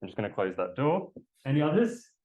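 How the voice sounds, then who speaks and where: A man lecturing to a class through a face mask while he has a cold, explaining in a halting way and putting questions to students. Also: mid-range voice, big pitch swings, narrow, tinny audio.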